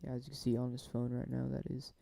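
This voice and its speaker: Male live-stream commentator, casual and awed, flat-pitched with some fry, dry room. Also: dry recording. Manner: drawn-out awed exclamations. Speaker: live stream host following storm chasers.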